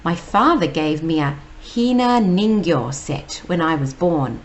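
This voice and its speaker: A woman teacher, reading a picture book aloud slowly and explaining each word. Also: on the low side, animated, highs cut off. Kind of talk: read-aloud storytime.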